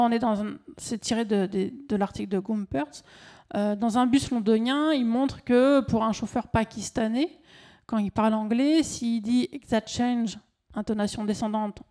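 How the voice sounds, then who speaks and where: A woman's voice: on the high side, warm tone. A middle-aged woman lecturing on linguistics, hesitant, with many fillers and restarts. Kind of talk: academic lecture with slides.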